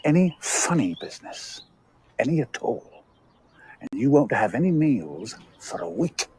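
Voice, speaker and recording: A man's voice: medium pitch, very animated, measured pace, darkish tone, slightly rough, heavily acted. An actor playing a stern, blustering middle-aged uncle who issues clipped, menacing threats to a boy in a film. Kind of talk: film dialogue.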